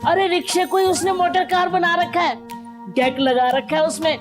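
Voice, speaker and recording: An actress playing a chatty middle-aged aunt who brings marriage proposals. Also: female voice, extremely high pitch, moderate pace, music in the background. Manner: gushing, talkative. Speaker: matchmaker aunt. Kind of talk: TV drama acting.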